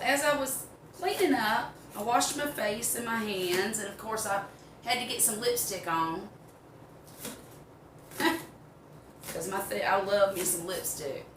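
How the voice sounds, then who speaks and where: An older woman with a Southern US accent chatting casually in a folksy, rambling way as she gives a home cooking demonstration. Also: medium pitch. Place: home kitchen. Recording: roomy, distant mic, background noise.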